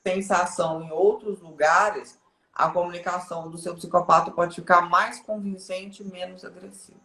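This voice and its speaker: A woman's voice: lowish voice, fairly even intonation, normal speed, bright, forceful tone, reverberant. A woman speaking as a guest on a live stream, explaining in a teaching way and often checking in with the listener.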